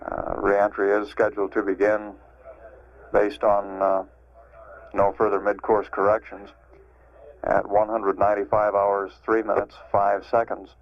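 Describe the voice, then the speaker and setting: A man giving live spaceflight status commentary as a mission control announcer, formal and halting, over an archival radio feed. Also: on the low side, monotone. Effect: archival broadcast radio sound. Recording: dull, band-limited archival radio feed.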